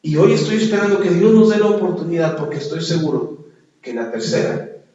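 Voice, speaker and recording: A man preaches from the pulpit, his voice high-pitched and emphatic as he calls out to the people. He sounds distant and muffled, swimming in the heavy echo of a church hall. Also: fairly quick, mellow. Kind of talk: sermon with personal testimony. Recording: echoey, dull hall sound from far off.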